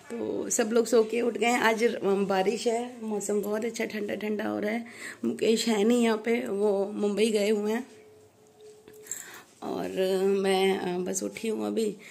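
A woman in her thirties with a hoarse, sore throat, chatting casually through a home cooking vlog and often losing her thread. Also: medium pitch, a little mellow. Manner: chatty, loses her thread and corrects herself. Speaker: vlogger, mother. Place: at home indoors.

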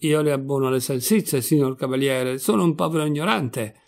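A man voicing a village innkeeper who talks in a meek, honeyed and pleading way, with a gravelly voice. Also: mid-range voice, a little fast, natural voice. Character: male village innkeeper, honeyed then quick to fury.

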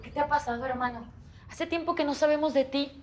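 A woman's voice: high voice, fast, slight background noise, lightly acted. A woman playing a blunt, protective sister. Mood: concerned. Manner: blunt, insistent.

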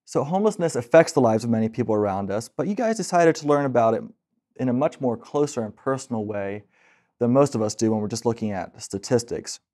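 A young man in his twenties hosting an interview, reading clear introductions and asking questions. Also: mid-range voice, lively intonation, a little fast, dark tone. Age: 20s. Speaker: podcast host. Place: bright office room with large windows. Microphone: lapel mic.

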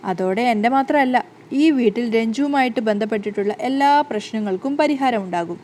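A woman's voice: on the high side, a little fast, a little mellow, a little hiss or hum. Chatty woman retelling a serial. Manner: chatty retelling, strings scenes together with fillers. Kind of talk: casual story recap.

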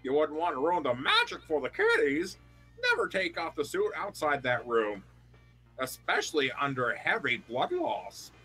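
A man's voice: fairly high pitch, huge pitch swings, moderate pace, bright, forceful tone, husky, soft background music, pitched below the performer's own voice, exaggerated voice, rough recording. A young man voicing a breezy male pizzeria manager, cheerfully reading game dialogue aloud.

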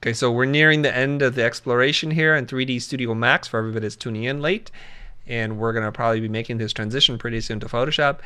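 A man hosting a casual livestream chat on a video call, jokey and quick to laugh. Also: medium pitch, steady tone, sharp tone, clear, resonant tone. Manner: jokey, laughs often, slips into whispers. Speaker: host.

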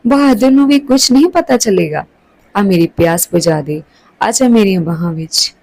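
A woman's voice: medium pitch, animated, moderate pace, darkish tone, poor audio. A woman reading the lines of a lecherous, menacing fake holy man in a storybook tale. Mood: coaxing.

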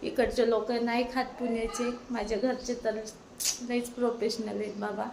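Hoarse woman, voice giving out. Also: a little high, little pitch movement, normal speed, darkish tone, a little hiss or hum, rough recording. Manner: chatty, repetitive, informal. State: hoarse, sore throat with voice giving out. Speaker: homemaker video blogger. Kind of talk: casual cooking vlog chat. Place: home kitchen.

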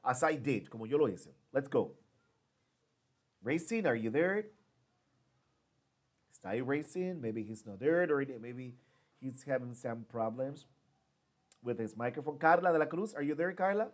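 A man teaching English in an online class, repeating each phrase in English and Spanish and drilling forms slowly. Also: medium pitch, animated. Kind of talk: online class, bilingual explanation.

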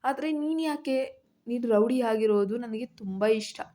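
A woman doing a gentle young village husband. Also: fairly high pitch, measured pace, natural voice. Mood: tender.

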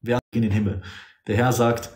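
A man's voice: mid-range voice, flat delivery, normal speed, darkish tone. Fervent male preacher in an echoey room. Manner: fervent, insistent, quotes scripture verses by number; raises his voice to act out quoted speech. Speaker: street-style preacher. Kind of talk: preaching on a social media livestream. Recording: roomy echo.

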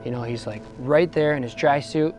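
A man's voice: mid-range voice, normal speed, a little mellow, faint music behind. A man, a paddle boarder, talking casually in a documentary interview.

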